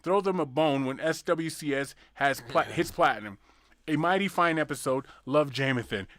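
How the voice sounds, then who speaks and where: A man co-hosting a casual podcast, joking around, swearing freely and jumping into silly high voices for bits. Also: moderate pace, a bit bright, no echo, studio quality. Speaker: podcast co-host. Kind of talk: casual chat.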